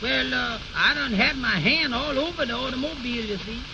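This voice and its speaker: A man's voice: extremely high pitch, fairly quick. An actor playing a humble, naive and easily flustered man who stammers and repeats himself in folksy speech, in old radio comedy style. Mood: flustered, polite. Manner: stammering repetitions, deferential, folksy ungrammatical speech. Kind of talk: 1930s-40s radio comedy acting. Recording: muffled, noisy old radio recording.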